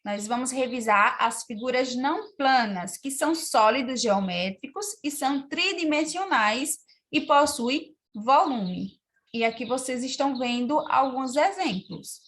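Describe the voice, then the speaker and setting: Slow, patient Brazilian woman teacher. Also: high-pitched, expressive, a bit bright, roomy sound. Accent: Brazilian Portuguese. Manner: slow, patient, counts and spells aloud. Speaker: primary school teacher. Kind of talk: remote lesson for children.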